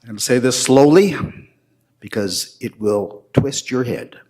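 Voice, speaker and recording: An older man addressing a city council, presenting his case formally with slow, deliberate emphasis. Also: mid-range voice, expressive, mellow.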